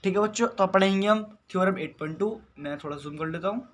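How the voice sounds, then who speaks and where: A man's voice: sits high, quick pace. A man teaching a math lesson to school students, patiently repeating questions and explaining step by step, with English terms spoken in a Hindi accent. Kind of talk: classroom lesson.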